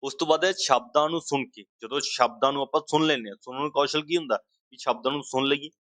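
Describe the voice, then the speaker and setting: A man teaches an exam-prep language lesson at a mid pitch. He walks through everyday examples and keeps asking and answering his own questions. The sound is dry and close, with no room echo. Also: quick pace, a bit bright.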